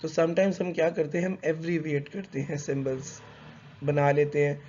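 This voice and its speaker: This explanatory lecture comes from a male teacher whose slightly high, darkish voice shows little pitch movement. He reads English slowly, then explains it in conversational Hindi mixed with English, hesitating with fillers and correcting himself. The lo-fi recording is dull, with slight background noise.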